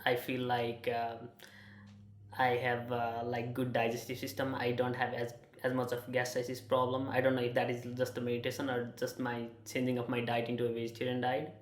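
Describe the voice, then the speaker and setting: In a reverberant space, a young student from Nepal with a Nepali accent gives a testimonial about his own experience. His mid-range voice stays monotone as he halts, restarts and uses lots of fillers.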